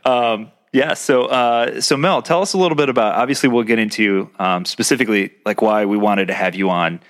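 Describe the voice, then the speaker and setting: Rambling podcast co-host, low voice. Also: male voice, fairly quick. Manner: rambling, many fillers. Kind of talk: casual interview chat. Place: home, indoors.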